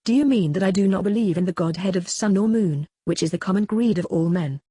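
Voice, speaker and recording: A reader voicing an aged philosopher on trial, cross-examining his accuser in a measured, questioning way in a dramatic reading. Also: mid-range voice, mellow, breathy edge, no room sound, clean studio sound, natural voice. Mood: probing. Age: older. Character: aged male philosopher on trial, probing, ironic. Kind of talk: dramatic reading of a classical dialogue.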